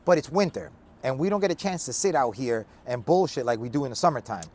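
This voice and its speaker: A man co-hosting a casual chat, talking in an animated, emphatic way and swearing freely. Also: mid-range voice, fast talker. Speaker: podcast co-host. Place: outdoors in cold weather.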